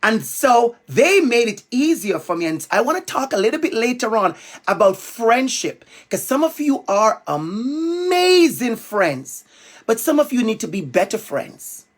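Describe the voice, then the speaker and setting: With a very high voice, big pitch swings and a measured pace, a man from Jamaica addresses young students as a school guest speaker. He's playful and emphatic, calling out to the children in his Jamaican accent.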